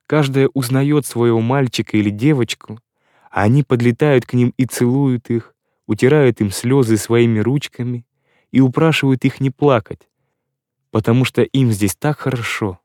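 A man reading a classic literary story aloud in a calm, measured way. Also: mid-range voice, no room sound, studio quality. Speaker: narrator.

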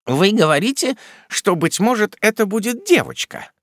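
A man voicing a stern, imperious elderly aunt in an audiobook, speaking in a high, clipped, scolding and impatient way. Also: very animated, normal speed, a bit bright, dry recording, studio quality. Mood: commanding. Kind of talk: audiobook character reading.

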